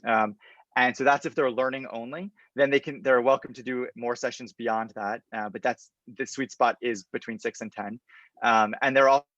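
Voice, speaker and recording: A man's voice: medium pitch, fairly even intonation, normal speed, fairly bright tone, no echo, lo-fi sound. Confident startup founder, man. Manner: explanatory, orderly, point by point. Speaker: startup founder answering judges' questions. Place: indoors on a video call. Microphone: computer mic on a video call.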